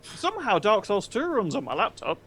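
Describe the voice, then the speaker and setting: A man co-hosting a casual gaming podcast, relaxed and rambling with lots of fillers. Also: sits high, normal speed, breathy edge. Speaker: podcast co-host. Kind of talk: casual chat.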